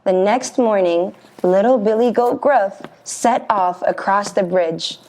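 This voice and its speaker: Woman teacher, children's story narration, slow and lively. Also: mid-range voice.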